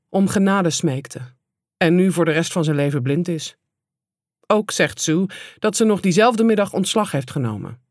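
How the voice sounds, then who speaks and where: A woman reading an audiobook aloud in a calm, measured and plain way into a close microphone. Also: on the low side, dry recording. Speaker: audiobook reader. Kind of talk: audiobook narration.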